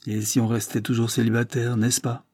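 A man reading a rugged, solemn older duke and father in an audiobook, measured in his speech. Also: mid-range voice, flat delivery, darkish tone, no echo, clean studio sound, natural voice. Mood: grave.

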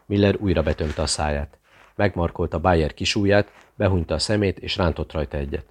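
A man narrates a thriller audiobook in a steady, measured way. His voice sits very low. The reading is even and controlled. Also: slightly rough.

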